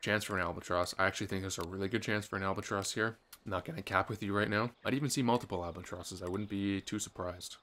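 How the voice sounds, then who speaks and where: Low-voiced man giving upbeat game commentary. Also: fairly even intonation, fast, few pauses, fairly bright tone. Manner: chatty, upbeat play-by-play with gamer slang. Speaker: gaming channel host. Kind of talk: casual gameplay commentary. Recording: game music behind voice. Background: game music.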